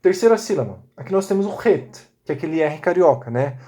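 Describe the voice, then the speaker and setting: A man's voice: on the high side, lively intonation, brisk, dark tone. Patient man teaching a lesson. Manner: patient, step-by-step, checks in with tag questions. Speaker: Biblical Hebrew teacher. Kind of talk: recorded video lesson.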